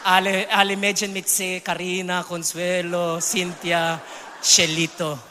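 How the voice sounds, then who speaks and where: A man in his fifties from the Philippines with a Filipino accent, preaching a sermon with emphatic, high exclamations. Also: monotone, a little slow, big-room sound, noisy background. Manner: emphatic preaching, sudden high exclamations, sprinkles English phrases. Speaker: pastor.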